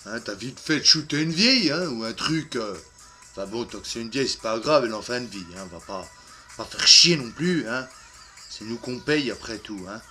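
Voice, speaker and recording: A man puts on a lonely, crude drinker who brags and rambles through a comic monologue. His voice is bright and edgy, packed with fillers, and it keeps sinking into mumbles at the ends of his phrases. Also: medium pitch, lively intonation, normal speed, faint music behind. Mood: rambling.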